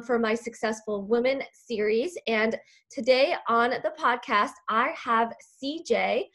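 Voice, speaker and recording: A woman's voice: on the high side, a bit bright. A woman hosting a podcast, interviewing a guest with lots of enthusiasm. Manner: enthusiastic, gushing. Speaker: podcast host. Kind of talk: casual interview chat.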